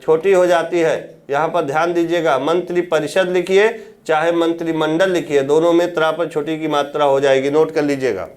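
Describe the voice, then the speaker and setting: A man with a fairly high voice lectures a classroom of students. He throws out questions, supplies the answers himself and says each key word again so it sticks. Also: fairly even intonation, normal speed. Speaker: Hindi exam teacher.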